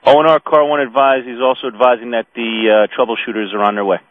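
A man's voice: mid-range voice, fairly even intonation, quick pace. A man dispatching fire units over two-way radio in a formal, procedural way, repeating messages back. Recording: tinny, narrow radio channel with hiss.

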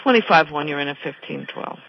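A man reading formal fire dispatch announcements over two-way radio in measured, clipped, procedural phrases. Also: fairly high pitch, expressive. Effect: two-way radio transmission. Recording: dull radio channel, faint static.

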